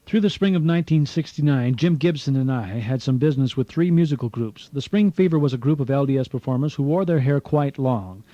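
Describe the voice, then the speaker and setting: A man's voice: medium pitch, a little fast, hardly any pauses, mellow, dry recording, muffled recording. A man reading his own memoir as an audiobook, telling it earnestly with dry asides, heard from a cassette tape recording. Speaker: author narrating his memoir.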